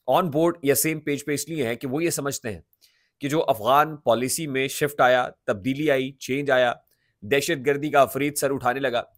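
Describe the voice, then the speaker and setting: A man in his thirties with a Pakistani accent and a mid-range voice delivers emphatic political commentary to camera, restating his points and mixing in English words. He records in a small indoor home studio with a large studio microphone close in front, giving a studio-quality sound with no echo.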